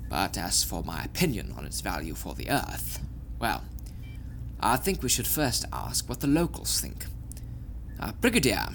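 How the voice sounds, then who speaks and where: An actor playing an urbane, sceptical male scientific adviser in an audio drama, with a wry, deliberate, theatrical delivery. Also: fairly low pitch, huge pitch swings, fairly bright tone, slight background noise, full character voice. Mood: thoughtful, sceptical.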